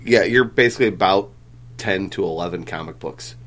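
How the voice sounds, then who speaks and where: Man, lowish voice, podcast host, loose and rambling, full of ums, casual cursing. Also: brisk, a bit bright. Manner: rambling, filler-heavy, swears casually. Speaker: comic book podcast host.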